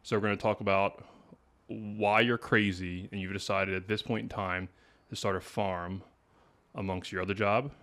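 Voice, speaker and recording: A man's voice: lowish voice, fairly even intonation, moderate pace, a bit bright. A man hosting a podcast, chatting casually and teasingly with his guest, often tagging his sentences with a question. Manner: chatty, teasing, tags lines with "right?". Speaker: podcast host.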